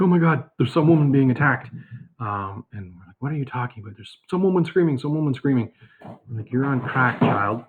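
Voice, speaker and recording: A man's voice: lowish voice, breathy edge. A male math teacher giving a casual recorded lesson from home, rambling with many fillers and asides. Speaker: high school math teacher. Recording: tinny phone-like audio.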